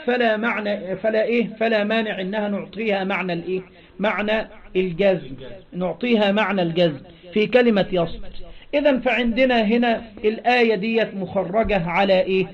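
A man with an Egyptian accent teaching a lesson, often pausing to quiz his listeners with short questions. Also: high voice, lo-fi sound. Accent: Egyptian Arabic. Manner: keeps checking understanding with quick questions. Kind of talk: explaining a Quran recitation lesson.

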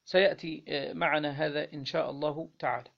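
An Egyptian-accented man with a high, gravelly voice teaches Islamic law. He reads each line of the legal text, then unpacks it, stopping to prompt his listeners for the missing word. The recording sounds dull and lo-fi. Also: level tone. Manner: reads the text then explains, quizzing listeners with "what?" pauses.

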